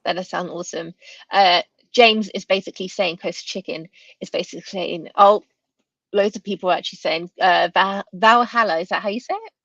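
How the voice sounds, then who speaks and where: A woman hosts a casual live-stream chat, pronouncing her r's like w's. Her voice sits at an ordinary pitch, in a dry but slightly dull, lo-fi recording. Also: fairly quick, gravelly, slightly rough, dry recording. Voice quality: trouble saying r and w sounds, says w for r.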